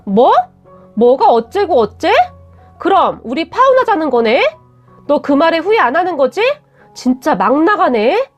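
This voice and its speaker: A woman's voice: sits high, lively intonation, normal speed, faint music behind. A woman voicing a blunt, defensive young man who scolds his fiancée in a read-aloud story. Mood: agitated.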